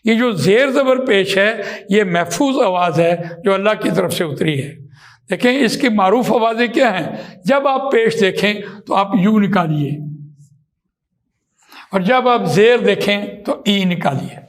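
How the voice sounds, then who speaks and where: A man with a high voice teaches how to recite the Quran. He explains things patiently and repeats his points with examples. He draws out vowels and Arabic words slowly to show how they should sound. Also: expressive. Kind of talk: slow explanatory lesson.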